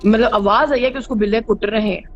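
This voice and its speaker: Speaking at a quick pace, a woman with a fairly high voice and fairly even intonation hosts a true ghost story show, casually telling her own stories and blending in English phrases. Behind her is music, and the dull, band-limited recording has a little hiss or hum.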